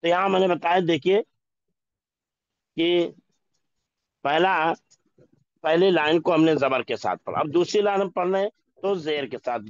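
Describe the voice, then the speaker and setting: A man teaching an Urdu lesson, sounding out each word slowly and asking questions to check that his students follow. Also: fairly high pitch, no room sound, dull audio. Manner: slow, repeats each word and asks questions. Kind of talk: classroom lesson.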